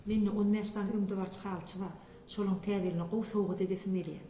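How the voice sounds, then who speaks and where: An actress playing a chatty villager who talks briskly. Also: female voice, mid-range voice, steady tone, dark tone, echoey room, distant mic, a little hiss or hum, natural voice.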